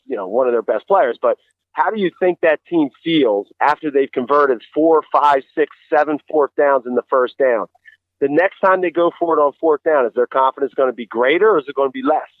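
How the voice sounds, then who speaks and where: A man's voice: on the high side, no echo. A middle-aged man speaking as an interview guest, giving earnest, conversational relationship advice and explaining with rhetorical questions. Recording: thin phone-like radio sound.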